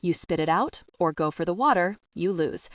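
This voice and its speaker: Woman reading a cheeky young man, quick and teasing, lowish voice, dry sound, set back from the mic. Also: lively intonation, no echo, recorded from a distance, close to an everyday voice.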